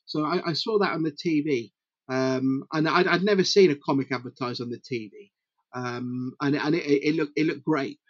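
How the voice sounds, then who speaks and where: A middle-aged man from Britain chatting as an interview guest, halting and repeating words as he goes. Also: on the high side, slightly rough, dry recording, lo-fi sound. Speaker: podcast guest, comics publisher. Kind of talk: casual interview chat.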